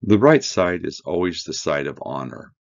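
A man teaching a verse-by-verse Bible study, reading scripture aloud and explaining it with slow, earnest emphasis. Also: low voice, big pitch swings, vocal fry, dull audio.

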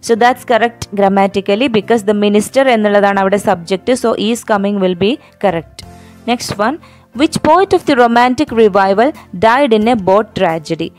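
A woman teacher with a Malayali accent, going through exam questions. She reads each question slowly and explains the answers in quick asides. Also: mid-range voice, darkish tone.

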